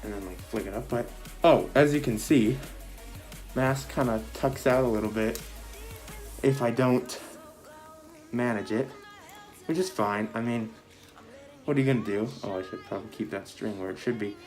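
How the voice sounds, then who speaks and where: A man's voice: fairly low pitch, moderate pace, long pauses, darkish tone, faint music behind. A man in a casual show-and-tell, his voice muffled through a full-face costume mask. He rambles loosely with many fillers and is short of breath. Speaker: vlogger showing his costume.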